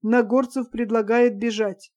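A woman voicing a guarded young male officer who answers tersely and quietly. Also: fairly high pitch, fairly even intonation, a little slow, close to an everyday voice.

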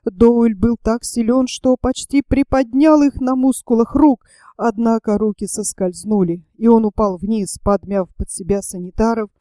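Woman narrator, audiobook reading, raised pitch, dark mellow tone, dry close sound. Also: dry recording. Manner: steady, measured reading.

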